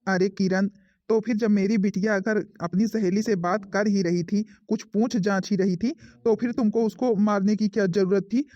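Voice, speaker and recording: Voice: mid-range voice, moderate pace, no echo, highs cut off, lightly acted. Someone voicing a mild cartoon father. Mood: reproachful. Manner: calm, reasoning, reproachful. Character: mild-mannered father defending his daughter. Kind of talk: animated cartoon voice acting.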